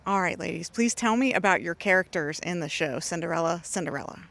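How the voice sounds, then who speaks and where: Bright, quick-talking woman host. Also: lowish voice, creaky. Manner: upbeat, quick prompting questions. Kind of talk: community TV interview. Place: outdoor theatre stage.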